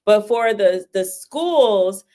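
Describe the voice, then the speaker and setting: A woman who runs a book publishing service, giving an interview in a quick, casual way and often checking in with "right?". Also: medium pitch, lively intonation, warm tone. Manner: talks fast, says "right?" often. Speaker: guest, book publisher and ghostwriter.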